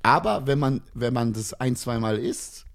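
A man's voice: mid-range voice, a little slow, gravelly. A man, a comedian guest on a podcast, joking and rambling in casual banter.

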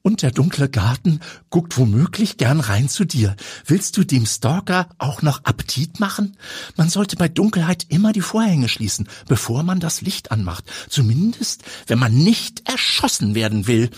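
A strict, wary woman gives firm advice in a raised, airy voice, acted by a male narrator. The voice is very husky and breathy and moves a lot in pitch. It is recorded close and dry. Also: big pitch swings, normal speed, no room sound, exaggerated voice. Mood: stern. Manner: stern, instructive.

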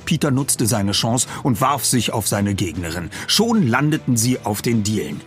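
A man narrating an audiobook with lively storytelling. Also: mid-range voice, moderate pace, faint music behind. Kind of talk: audiobook reading.

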